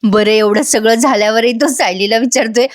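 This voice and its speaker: A giggly woman recaps a TV serial in a casual voice-over and keeps talking straight to her viewers. Her voice sits high and she can barely hold back laughter. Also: fairly quick. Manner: chatty, addresses viewers directly. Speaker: TV serial reviewer. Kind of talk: casual voice-over episode review.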